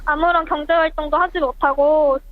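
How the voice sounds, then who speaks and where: Anonymous phone guest, pitch-shifted voice disguise raised high, halting delivery, tinny line. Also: steady tone, dry recording. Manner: halting, hesitant speech with many pauses. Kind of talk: radio phone interview. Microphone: telephone.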